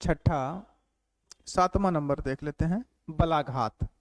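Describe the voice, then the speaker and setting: A man teaching a grammar class who repeats phrases slowly for note-taking and keeps asking quick check questions. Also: a little high, dry recording. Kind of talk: classroom lecture.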